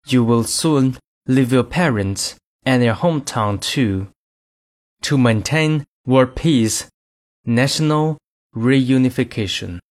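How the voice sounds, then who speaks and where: A man reading scripted in-flight cabin announcements in a formal, measured announcer manner. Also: mid-range voice.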